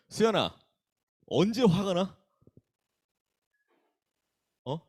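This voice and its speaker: A young man leads a youth worship gathering in a church hall, teasing the students and asking them questions one by one. His voice sits a little high and leaps around a lot as he banters. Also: sing-song, extremely slow, a little mellow, slightly rough. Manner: bantering, teasing, calls on listeners by name. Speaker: youth pastor. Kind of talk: casual sermon opening with audience questions.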